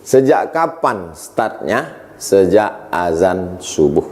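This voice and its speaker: A man preaching an Islamic sermon in a mellow, lowish voice. He asks the crowd rhetorical questions and answers them himself, with animated swings in delivery. He recites Arabic verses and then translates them. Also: slow pace, a little hiss or hum. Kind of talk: religious lecture.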